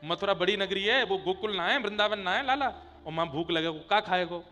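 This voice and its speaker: Preacher man doing a worried loving mom, soft talk, highish bright voice, roomy hall echo. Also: a little fast. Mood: fussing. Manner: soft, tender, fussing. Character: loving worried mother, middle-aged woman, tender. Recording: long hall reverb with faint music.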